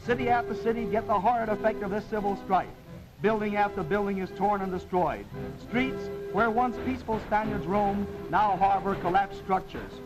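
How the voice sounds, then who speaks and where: A man's voice: high-pitched, normal speed, highs cut off, music in the background. Man narrating an old newsreel. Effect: old 1930s newsreel narration played from archive. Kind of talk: dramatic newsreel commentary.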